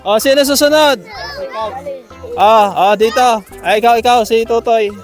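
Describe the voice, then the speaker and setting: A man hosting games for schoolchildren outdoors, coaxing and counting down with animated energy. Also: extremely high pitch, a little slow, soft background music. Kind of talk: lively outdoor game hosting.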